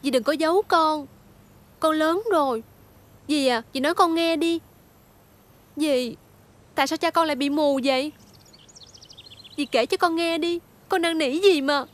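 An actress with a Southern Vietnamese accent playing a devoted, earnest young daughter who speaks politely and coaxes. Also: female voice, high-pitched, unhurried, pauses often. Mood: pleading. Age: young adult.

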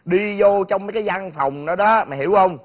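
A man's voice: sits high, brisk, lo-fi sound. An actor playing a touchy young male delivery worker who bickers and accuses in a comic TV skit. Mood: accusing.

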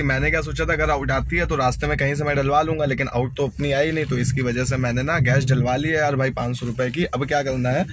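A chatty young man talks straight to his viewers in a relaxed vlog. He drives for a ride-hailing service, and his voice sits a little high for a man. He keeps calling his audience friends and brothers. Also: noisy background. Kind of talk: casual vlog talk to camera.

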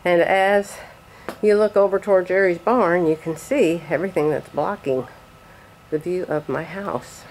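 A woman's voice: lowish voice, a little slow, darkish tone. An older woman narrating a casual vlog, chatty and exclaiming often, laughing as she films outdoors at a building site. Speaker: vlogger. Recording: outdoor camera audio with noise.

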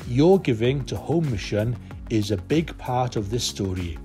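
A man giving a steady scripted promotional voice-over. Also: mid-range voice, a little slow, faint music behind. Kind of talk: scripted narration.

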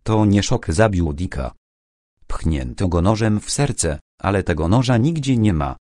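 A man voicing a shocked young gentleman who speaks urgently in an audiobook. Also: low-pitched, lively intonation, a little slow, dry recording, studio quality. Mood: shaken. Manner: urgent, agitated.

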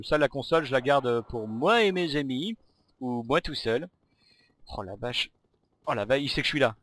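A man giving live commentary while playing a video game. He rambles, stumbles over his words and breaks into excited outbursts at the game. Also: medium pitch. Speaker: gamer and channel host.

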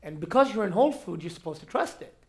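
A man from Ethiopia speaking on a stage panel, animated and restarting often. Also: high voice, fast. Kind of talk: panel discussion. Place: large auditorium stage. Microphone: headset mic.

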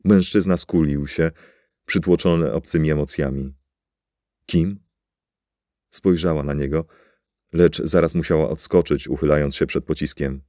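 A man reading a story aloud in a deep, dark voice. His narration is steady and dramatic, and the recording is dry and close. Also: moderate pace, no room sound. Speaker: audiobook narrator. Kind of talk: scripted narration.

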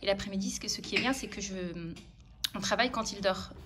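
A woman's voice: medium pitch, steady tone, fast talker, noisy background. A woman in her thirties filming a vlog at home, chatting and explaining as she teaches her children. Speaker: home-schooling mother. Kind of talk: casual vlog narration and teaching.

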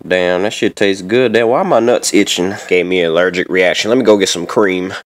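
A man's voice: low voice, a little fast, close to an everyday voice. A man voicing a greedy, foul-mouthed monkey in a silly, mismatched comic redub, talking in profane street slang. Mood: smug, goofy. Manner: profane, slangy street talk with sudden yelps. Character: crude, greedy male caged monkey begging for bananas. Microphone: voice-over recorded apart from the pictured zoo. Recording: noisy amateur voice-over with clicks.

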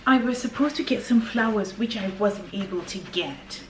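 A woman's voice: mid-range voice, moderate pace. Woman, casual haul chat, distant mic, roomy echo. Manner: chatty, with whispered asides. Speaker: vlogger. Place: home kitchen. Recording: echoey room, far from mic, background noise.

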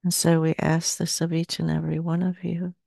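A woman in her sixties trance channeling as a seance medium, speaking solemnly and slowly with long pauses. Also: sits low, monotone, vocal fry, warm tone, no room sound, studio quality. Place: small dim indoor room. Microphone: headset.

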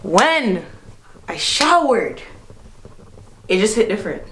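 Young woman, eager home tour guide, set back from the mic in a boomy bathroom. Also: big pitch swings, slow, distant mic, background noise. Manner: eager, directing the camera around. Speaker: vlogger's wife. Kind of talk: casual house tour vlog. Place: bathroom of a house, indoors. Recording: echoey room, off-mic.

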